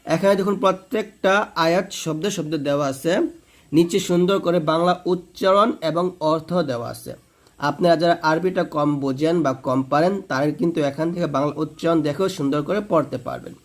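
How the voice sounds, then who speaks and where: A man's voice: fairly high pitch, brisk. A man teaching word-by-word Quran reading, spelling out letters and vowel marks and drawing recited words out in a long chant.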